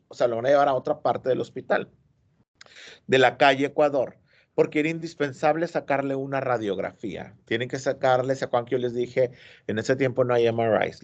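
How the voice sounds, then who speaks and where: A male high school literature teacher reading a story aloud and explaining it to his class, often checking in with questions. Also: darkish tone, muffled recording.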